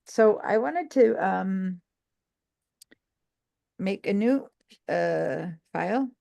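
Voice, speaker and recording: Tired woman with a gravelly voice. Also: medium pitch, lively intonation, very slow, dark tone. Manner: tired, yawning, rambling with many fillers and restarts. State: sleep-deprived and tired. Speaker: design software instructor. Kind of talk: live online class.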